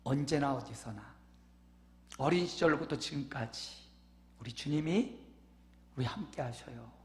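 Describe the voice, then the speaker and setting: A man in his fifties preaching a conversational sermon as a pastor, dropping to soft asides and rising to loud, emphatic passages. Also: medium pitch, unhurried. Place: church sanctuary. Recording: echoey church hall.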